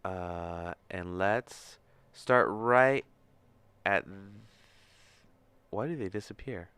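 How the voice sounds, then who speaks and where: Working through a tutorial livestream, this animator talks himself through each step in an informal, murmuring way. His low voice is very slow, clean, and fairly bright, with music playing under it.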